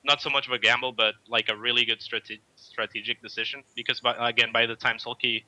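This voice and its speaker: A man's voice: medium pitch, little pitch movement, fast talker, pushed and bright, low-quality recording. A man on a casual esports panel who talks emphatically, often stammering and restarting his sentences. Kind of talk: casual esports analysis chat.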